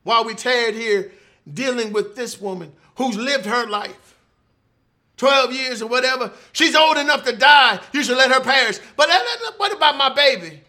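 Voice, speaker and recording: A man preaching, voicing a desperate grieving father who pleads and shouts. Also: very high-pitched, moderate pace, heavily acted. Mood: anguished.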